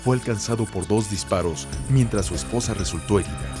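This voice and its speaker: Low-voiced documentary narrator over music. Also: male voice. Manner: measured, formal. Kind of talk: scripted narration.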